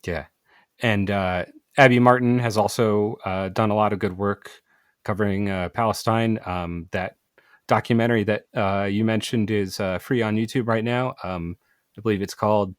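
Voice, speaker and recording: A man hosting a podcast, talking in a halting way with many fillers and restarts. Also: on the low side, steady tone, no echo, clean studio sound. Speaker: podcast host. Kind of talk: casual podcast conversation.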